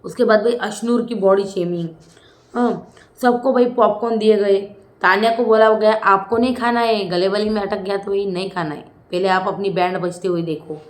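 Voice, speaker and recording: A woman talks through a reality show episode in a loose, chatty review. She speaks in a middle pitch. Her voice carries an echo from the room. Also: steady tone, normal speed. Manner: chatty, frequently saying "bhai" and "hmm". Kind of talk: casual commentary.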